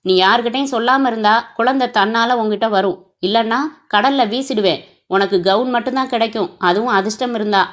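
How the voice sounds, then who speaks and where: Cold masked kidnapper guy barking short orders, woman reading it fast, kinda high voice. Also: lightly acted. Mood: menacing. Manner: curt threatening orders.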